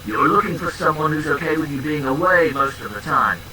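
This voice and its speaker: A man's voice: on the high side, animated, fairly quick, pushed and bright, a little hiss or hum, low-quality recording. Synthetic male voice as a smug flirty sparring man. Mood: friendly curious. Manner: teasing, calls the listener love and darling. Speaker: AI chat character. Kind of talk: text-to-speech role-play narration.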